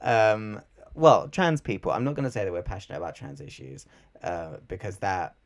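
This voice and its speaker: A young man co-hosts a podcast in casual chat, rambling in a laid-back way and using lots of fillers. His voice is fairly low and moves at a moderate pace.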